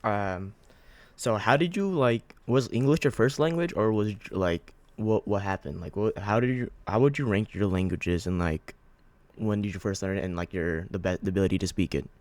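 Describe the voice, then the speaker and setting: A man's voice: on the low side, normal speed, darkish tone, no room sound. A man hosting a casual interview, asking rambling questions with lots of fillers and restarts. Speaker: host, interviewer.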